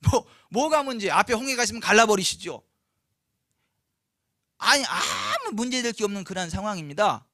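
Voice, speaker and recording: High, bright-voiced pastor preaching. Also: male voice, very animated, normal speed, pauses often, dry recording, clean studio sound. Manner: emphatic, many rhetorical questions. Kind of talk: sermon. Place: church, Friday night service.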